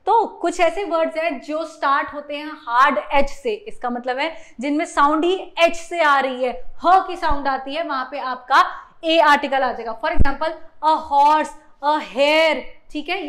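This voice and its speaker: Indian woman tutor, high-pitched, unhurried delivery, sounds words out slowly. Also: a bit bright. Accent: Indian English. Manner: mixes Hindi and English, says "ठीक है" often; spells out sounds slowly for emphasis. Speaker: English grammar tutor. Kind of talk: classroom-style grammar lesson.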